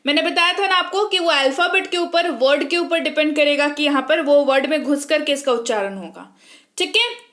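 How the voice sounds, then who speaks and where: A woman's voice: sits high, animated, normal speed, a bit bright. A young woman teaching English pronunciation in an online lesson, patiently explaining and quizzing her listeners with repeated questions.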